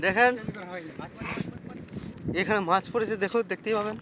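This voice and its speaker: With a high-pitched, steady voice at a normal pace, a man chats to his viewers and shouts to passers-by. He films himself on a handheld phone by a muddy riverbank and on a boat, amid wind and boat noise.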